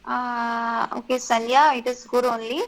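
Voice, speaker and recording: Woman, teacher, online class, higher voice, calls names, praises answers. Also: little pitch movement, measured pace, low-quality recording. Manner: encouraging, calls names and repeats prompts. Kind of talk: online class drilling students.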